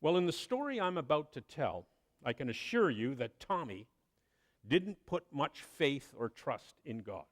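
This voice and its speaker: A man preaching a sermon, telling a story with expressive delivery and dramatic pauses. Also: fairly high pitch. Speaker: pastor.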